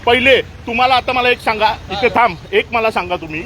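On a busy street outdoors, a man streams live on his phone while angrily confronting municipal workers, scolding them and demanding answers. His voice is very high-pitched, fairly quick, pushed and bright, with street traffic noise in the background.

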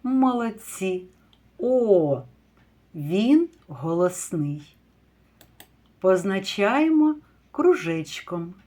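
A kindergarten teacher leads a phonics lesson for young children, sounding out words slowly and asking questions. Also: female voice, medium pitch, very animated, mellow. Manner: slow, drawn-out word sounding with praise and questions.

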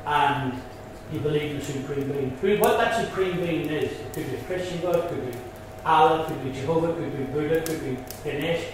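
Belfast man, emphatic guide, slightly higher voice, echoey far-off recording. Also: fairly quick, hardly any pauses. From Northern Ireland. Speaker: Freemason guide. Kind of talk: casual explanatory chat. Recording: echoey hall from far off, with background noise.

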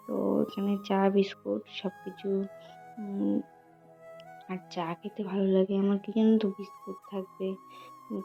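A young woman chatting casually as she films a home lifestyle vlog, narrating her day in a soft, chatty way. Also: mid-range voice, gravelly. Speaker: lifestyle vlogger. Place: home, kitchen and rooftop. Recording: dull lo-fi phone audio with faint music.

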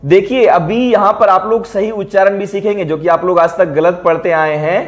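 A man with a high, light voice teaches English pronunciation. He works through words at a board, quizzing his pupils and repeating each word slowly until it is clear. It is a classroom lesson. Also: fairly even intonation, dull audio.

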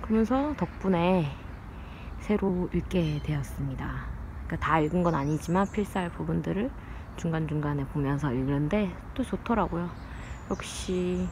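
A woman vlogger chatting casually to her viewers, musing in short phrases with frequent pauses, recorded outdoors on a phone. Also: low voice. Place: outdoors under trees. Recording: noisy outdoor ambience, passing traffic.

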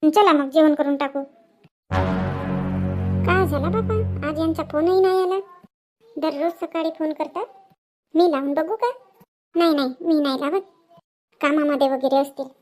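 Very high-voiced fretting woman. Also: steady tone, moderate pace, pauses often, a little mellow, faint music behind. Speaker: comedy sketch actor. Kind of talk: scripted family comedy sketch.

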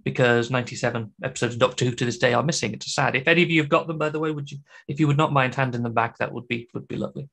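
A man's voice: medium pitch, rapid-fire, gravelly, few pauses, a bit bright. Chatty British man giving a tech talk. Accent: British English. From Britain. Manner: chatty, enthusiastic, self-deprecating asides. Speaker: conference speaker. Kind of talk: technical conference talk.

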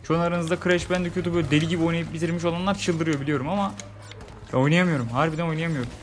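A gaming YouTuber gives casual let's-play commentary over his own gameplay, joking, grumbling, and repeating his frustrated complaints. His fairly high voice is steady in tone and rapid-fire, with a little hiss or hum in the audio.

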